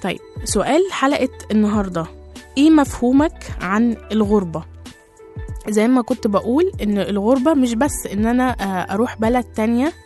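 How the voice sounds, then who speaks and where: A woman with an Egyptian Arabic accent hosting a radio show, slightly hoarse after a cold, chatting casually with many fillers. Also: on the high side, lively intonation, a little fast, faint music behind. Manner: chatty, warm greetings to listeners, many fillers. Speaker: radio host.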